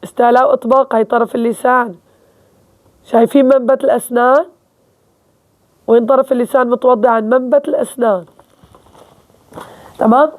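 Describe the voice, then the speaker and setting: A woman's voice: fairly high pitch, fairly even intonation, fairly quick, pauses often. A woman with a Levantine Arabic accent teaching Quran recitation in a casual spoken lesson, explaining step by step and often checking in with her listeners.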